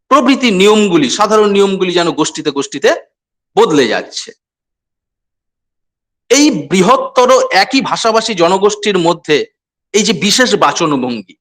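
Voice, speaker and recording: A man from West Bengal giving a lecture to students, repeating key phrases and speaking to them directly in a measured, explanatory way. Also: sits high, a bit bright. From West Bengal, India. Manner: measured explanatory delivery with pauses. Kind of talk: online lecture.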